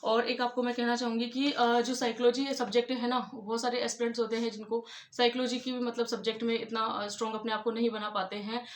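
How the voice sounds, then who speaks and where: A woman talks fast and earnestly, giving study advice to exam candidates in a casual, repetitive way. Her voice is fairly high but stays level, with little rise and fall. The room around her is echoey. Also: level tone. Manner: earnest, repeats "I'd like to tell you". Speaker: exam-prep tutor.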